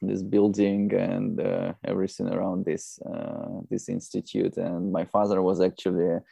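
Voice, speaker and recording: Belarusian accent guy, non-native english, really creaky mellow voice, rambles casually on a podcast. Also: sits low, level tone, no room sound. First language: not English. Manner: halting, rambling, often saying "you know". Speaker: podcast guest. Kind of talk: casual conversational interview.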